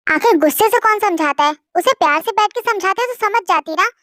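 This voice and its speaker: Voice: extremely high pitch, expressive, brisk, fairly bright tone, no room sound, studio quality. A performer voicing a busy, scolding mother in a fan audio drama. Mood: reproachful. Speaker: mother figure in a family drama.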